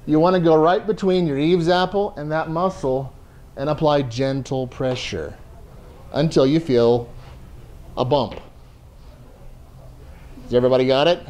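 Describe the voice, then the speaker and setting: A man's voice: fairly high pitch, unhurried, pauses often, warm tone. A man teaching a first aid class to a room, conversational and joking as he explains. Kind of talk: classroom lecture.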